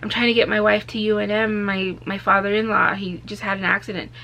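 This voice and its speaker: A man's voice: high-pitched, flat delivery, a little fast, vocal fry, sharp tone, exaggerated voice, poor audio. A woman voicing an anxious, apologetic young husband who pleads in a slightly raised voice. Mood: pleading.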